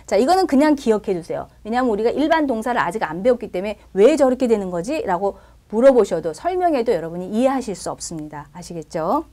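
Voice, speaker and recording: A woman's voice: medium pitch, dark tone. A woman teaching Spanish in a recorded lesson, explaining step by step and often checking in with her listeners.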